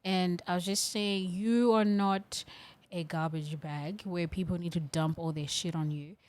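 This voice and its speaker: A woman's voice: lowish voice, fairly even intonation, unhurried, a little mellow. A young woman from Africa co-hosting a casual chat, laughing easily and explaining things carefully. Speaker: podcast co-host.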